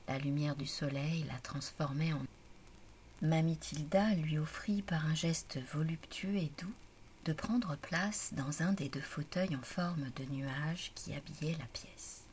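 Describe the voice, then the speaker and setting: Woman narrator, whispered storytelling narration, low voice, faint hiss. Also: steady tone. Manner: hushed slow reading.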